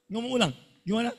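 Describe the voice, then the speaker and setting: A middle-aged male pastor, preaching a scolding sermon to students and firing call-and-response questions at them. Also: very high-pitched.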